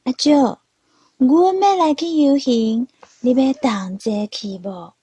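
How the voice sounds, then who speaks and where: A woman's voice: sits high, big pitch swings, slow, mellow, breathy edge, no echo, exaggerated voice. A woman voicing a friendly female house cat in a storybook, cheerful and inviting.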